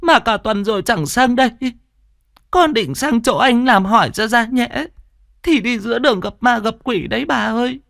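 A man's voice: very high-pitched, lively intonation, moderate pace, pauses often, fairly bright tone, no room sound, studio quality, voice pushed up. A man voicing a frightened young village woman who stammers and pleads tearfully. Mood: frightened pleading.

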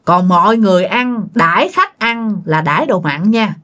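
A woman's voice: medium pitch, expressive, normal speed, fairly bright tone, soft background music. A woman, telling ghost stories in a chatty way that speaks to the listeners. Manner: chatty, addresses listeners with fillers. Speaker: storyteller. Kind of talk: casual ghost story narration.

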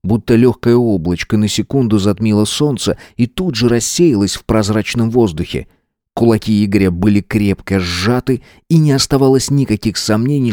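A man narrating an audiobook in a steady, measured reading. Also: lowish voice, no echo, clean studio sound. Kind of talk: scripted narration.

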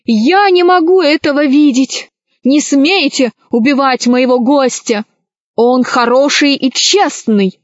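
A fickle pirate queen from a children's storybook who gushes and exclaims in a raised, fairly high voice, as a woman puts her on. She speaks slowly, and the recording is dry and slightly dull. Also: no echo. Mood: dramatic. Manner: gushing and exclamatory.

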